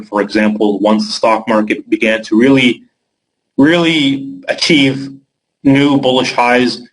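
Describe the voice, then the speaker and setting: The recording is low-quality, capturing a medium-pitched voice belonging to a young man from Canada who speaks with a Canadian accent. Running a live trading webinar, he calls out viewers' questions by name and replies in a casual way, sprinkled with fillers.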